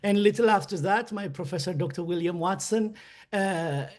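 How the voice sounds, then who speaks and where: A man from Ethiopia speaks with a notably high, light voice. He tells his story as a webinar guest, earnest and halting, with frequent fillers and restarts.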